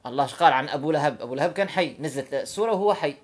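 A man giving an informal religious lesson, animated and quick, breaking into recited verses. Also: a little high, husky. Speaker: religious teacher.

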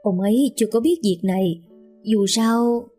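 A woman's voice: on the high side, unhurried, dark tone, breathy edge, faint music behind. A woman voicing an anxious, clingy middle-aged mother who pleads with her son. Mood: pleading. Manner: pleading and stammering.

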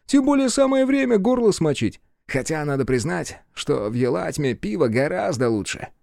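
A man's voice: on the high side, big pitch swings, normal speed, vocal fry, darkish tone, no room sound, studio quality, pitched above the performer's own voice. A man voicing a crude, grumbling young male comrade in an audiobook. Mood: mocking.

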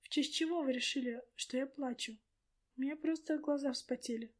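A woman's voice: high-pitched, a little fast, lightly acted. A woman reading a storybook part of a frantic young woman who pleads in tears for her lost charges. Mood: tearful tender. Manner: pleading, breathless, tearful.

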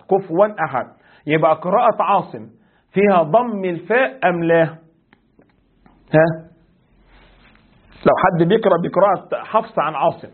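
A man with an Egyptian Arabic accent teaching a religious lesson as a sheikh. He explains slowly, recites verses and quizzes his class. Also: high-pitched, breathy edge, narrow, tinny audio. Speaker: sheikh teaching a creed text.

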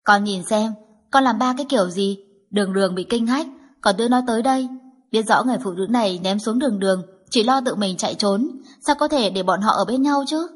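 A woman voicing a stern grandmother who scolds and gets angry quickly, read as audiobook dialogue in a husky voice. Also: medium pitch, lightly acted. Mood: indignant. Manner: scolding, indignant.

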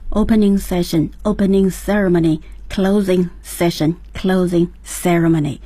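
Mellow low-voiced woman co-host. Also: fairly even intonation, a little slow, slightly rough, dry recording. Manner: introduces each word and repeats the teacher's points. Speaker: radio co-host. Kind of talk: radio lesson hosting. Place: radio studio.

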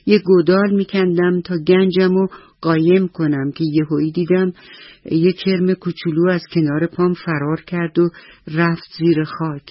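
A woman's voice: lowish voice, fairly even intonation, dry recording, close to an everyday voice. Woman putting on a fretful little girl. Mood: upset. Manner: fretful, pleading, raised voice. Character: little girl, anxious and soft-hearted. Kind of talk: radio bedtime storytelling. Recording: slightly dull radio recording.

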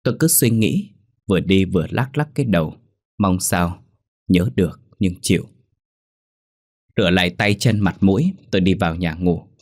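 A man's voice: sits low, normal speed, long pauses, a little mellow. A man narrating a first-person horror story in a dramatic, exclamatory manner. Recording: faint background music.

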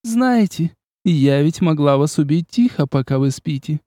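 A man's voice: on the high side, animated, a little slow, dark tone, dry recording, studio quality, pitched above the performer's own voice. A man voicing a small, playful female vampire countess who mocks and teases in a sarcastic, flirtatious way. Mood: mocking, playful. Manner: teasing, sarcastic, coquettish.

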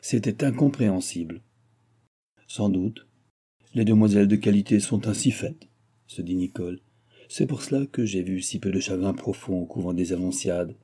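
A man narrates a classic novel in an even, literary storytelling manner. His voice is low-pitched, very dark and somewhat husky. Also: moderate pace. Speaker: audiobook narrator. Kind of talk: scripted narration.

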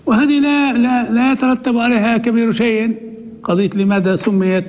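A sheikh teaching hadith commentary gives a classical Arabic lesson, reading a quoted text slowly before explaining it in a conversational aside. His voice is highish, steady and somewhat dark, with reverb from the hall.

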